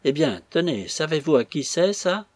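A man's voice: fairly high pitch, sing-song, normal speed, no room sound, voice pushed up. A man doing a whiny young lad. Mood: whining. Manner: whining, exasperated. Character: whiny, put-upon young male knife-grinder.

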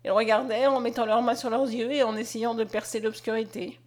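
Lady reading an old adventure story aloud, kinda high voice, really dramatic. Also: fairly even intonation, fairly quick, darkish tone. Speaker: audiobook reader. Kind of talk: literary narration read aloud.

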